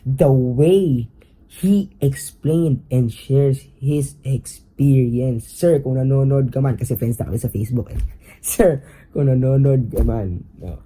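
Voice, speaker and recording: On a rough recording with a little hiss or hum, a young Filipino podcast host tells a story casually, switching between Tagalog and English. His voice is medium-pitched and his pace slow, yet he sounds animated, using many fillers.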